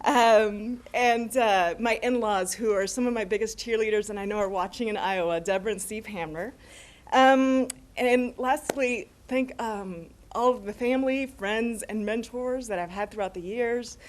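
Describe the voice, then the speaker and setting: A woman's voice: fairly high pitch, normal speed. A middle-aged American woman giving an informal, conversational thank-you speech as a new assistant principal, a little hesitant. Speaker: newly appointed assistant principal.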